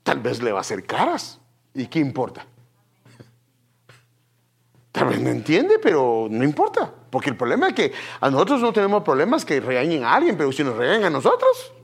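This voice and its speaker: A man preaching a sermon, talking straight to his congregation, with hushed asides that break into loud, emphatic bursts. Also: fairly high pitch, wildly swooping pitch, a little fast, creaky, breathy edge. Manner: addresses the congregation directly, repeating "fíjese" and "hermano". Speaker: pastor.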